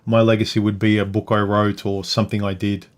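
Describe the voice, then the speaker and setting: A man's voice: on the low side, monotone, brisk. A man co-hosting a casual livestream chat with his wife, rambling, losing his train of thought and swearing casually. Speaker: co-host of a couple's livestream. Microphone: livestream microphone.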